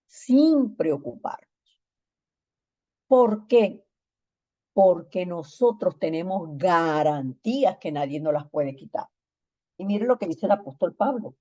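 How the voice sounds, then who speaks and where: A woman pastor delivers a sermon at an unhurried pace, her voice soft and mellow. She presses her points by repeating phrases over and over. The recording sounds dull and muffled. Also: fairly low pitch. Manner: emphatic, repeats phrases for stress.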